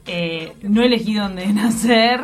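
A woman radio host with a posh, nasal Montevideo accent talks casually in a studio, with music playing behind her. Her pitch sits in the everyday middle range and her delivery is conversational and upper-class in tone. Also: slow. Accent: posh Montevideo Uruguayan. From Montevideo, Uruguay.

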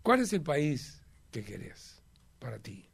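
A man's voice: mid-range voice, wildly swooping pitch, slow, gravelly, slightly rough, dry recording. Uruguayan man, emphatic rambling guest, dry close sound. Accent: Uruguayan Spanish. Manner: rambling, emphatic, many fillers. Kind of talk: casual chat.

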